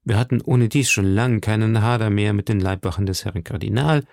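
A man voicing a grave, older musketeer leader who speaks calmly and with command. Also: lowish voice, brisk, vocal fry, dry recording, studio quality. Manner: calm, commanding.

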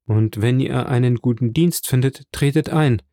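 A man voicing a grieving, kindly middle-aged shipowner in an audiobook, with an earnest, warm delivery. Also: medium pitch, moderate pace, dry recording, clean studio sound, natural voice. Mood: sorrowful, kind.

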